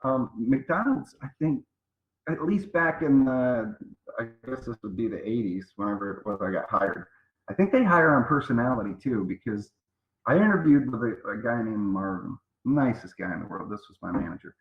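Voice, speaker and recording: A man's voice: mid-range voice, lively intonation, moderate pace, vocal fry, roomy sound, narrow, tinny audio. A man in his fifties, a guest co-host in casual chat, telling stories playfully and slipping into silly voices. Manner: playful storyteller who slips into silly voices.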